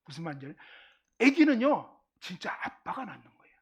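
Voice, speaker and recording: A middle-aged Korean woman giving a lively Bible lesson to a live class, constantly asking questions and checking that everyone follows. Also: fairly low pitch, fast, husky. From Korean countryside.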